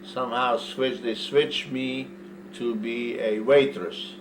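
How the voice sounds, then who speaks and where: An older man from Poland with a Polish accent, recalling his past in a casual interview, halting and repeating words in broken English. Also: medium pitch, steady tone. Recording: roomy, far from mic, noisy.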